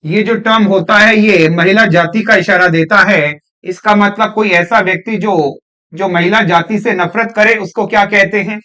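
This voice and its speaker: A high-voiced man lecturing on English grammar, pushing his students with quick repeated questions. He explains each point step by step in a classroom style. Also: a bit bright.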